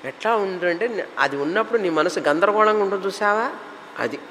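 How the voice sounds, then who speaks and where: Male spiritual teacher, explanatory, lists ideas in runs; fairly high voice, hall reverb. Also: lively intonation, brisk, pushed and bright, a little hiss or hum. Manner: explanatory, lists terms in runs, mixes English words. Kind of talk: spiritual discourse.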